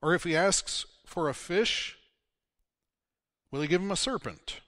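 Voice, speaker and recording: Bright-voiced preacher from Missouri. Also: male voice, high voice, lively intonation, measured pace, dry recording, clean studio sound. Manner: storytelling, acting out biblical dialogue. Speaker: pastor. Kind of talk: sermon.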